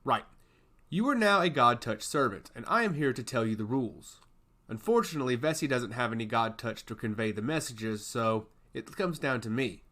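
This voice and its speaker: Here a male narrator performs a stern god of intellect at a normal speed, pitch sweeping and animated as he lays down the law. Solemn, emphatic and slightly sly, he takes a stern, lecturing tone, fantasy audiobook style.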